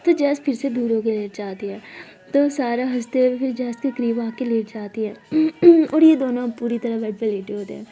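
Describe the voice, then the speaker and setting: A woman's voice: on the high side, normal speed, dark tone. A woman narrating a love story in a chatty, casual way with conversational asides.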